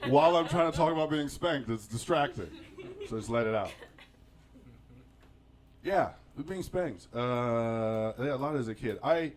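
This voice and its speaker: A man's voice: mid-range voice, measured pace, pauses often. A man telling a reflective personal story in a casual monologue, laughing at himself often and often restarting his sentences. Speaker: podcast host.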